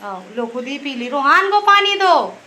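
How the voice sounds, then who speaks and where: A mother films a casual family vlog on her phone indoors at home, chatting to viewers she calls "guys" while looking after her kids. Her voice is high, bright and forceful, very animated though a little slow.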